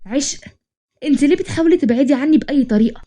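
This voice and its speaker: Egyptian boss guy, cocky and teasing, fast mellow reading, woman doing him. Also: high voice, close to an everyday voice. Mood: firm. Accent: Egyptian Arabic. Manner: bargaining, teasing, then commanding. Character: confident teasing male boss, young adult.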